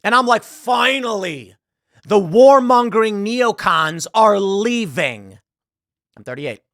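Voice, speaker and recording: A man, talking through political news in a solo commentary, animated and sarcastic. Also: high voice, slow pace, no echo, clean studio sound. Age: 30s. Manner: animated, sarcastic, mocking quoted voices.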